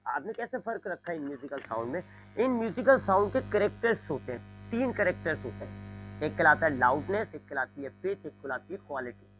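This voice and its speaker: Man teaching physics, somewhat high voice. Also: big pitch swings, fairly quick, fairly bright tone, faint music behind, low-quality recording. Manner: repetitive explaining, imitates sounds. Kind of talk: classroom lecture.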